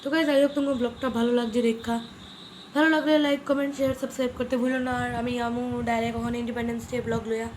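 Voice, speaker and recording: Young woman vlogger, quick, flat-toned chatter, phone mic at home. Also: fairly high pitch, a little hiss or hum. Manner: chatty, often speaks softly. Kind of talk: casual home vlog. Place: at home, indoors.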